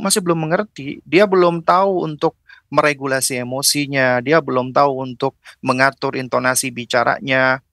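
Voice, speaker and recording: A male preacher delivering a parenting lecture with a bright, clear voice. He explains step by step and keeps adding short "ya" check-ins as he goes. The sound is dry and close, with no room echo. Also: a little high. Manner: explains step by step, acting out gentle parent-child dialogue; fills with "ya" and "apa namanya".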